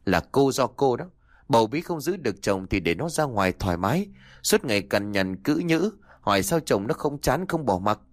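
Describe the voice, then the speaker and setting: A man's voice: mid-range voice, sing-song, normal speed, no echo, studio quality, close to an everyday voice. A man voicing a cruel, domineering older mother-in-law in an audio story, with a harsh, scolding delivery.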